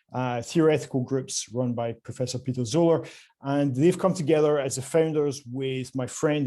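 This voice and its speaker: Over a video call, a man with a medium-pitched, mellow voice and a Scottish accent presents his company at an online conference as its sales director. He's courteous and often pauses with fillers.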